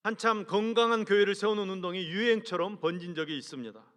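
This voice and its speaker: A senior pastor preaches earnestly in a large church sanctuary, posing rhetorical questions to the congregation. His fairly bright voice is measured, with sentence ends trailing off low, and the hall adds long reverb.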